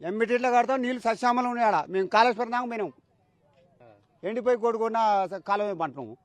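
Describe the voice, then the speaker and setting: Angry high-voiced farmer man. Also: quick pace. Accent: Telangana Telugu. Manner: angry and defiant. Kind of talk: roadside news interview. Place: outdoors by a canal.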